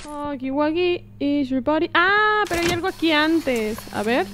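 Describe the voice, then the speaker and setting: Una mujer con acento mexicano que comenta su partida en directo, reacciona con gritos excitados y traduce lo que dicen los personajes. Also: female voice, high-pitched, measured pace, background noise. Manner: excitable, shrieking reactions, translating game lines. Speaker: streamer. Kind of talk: gameplay commentary. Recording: game music behind.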